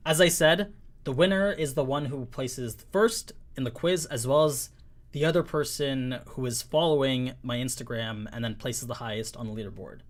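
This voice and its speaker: A male livestream host with a voice of ordinary pitch who chats casually. He laughs a lot, and when something goes wrong he gets flustered and repeats himself over and over. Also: moderate pace.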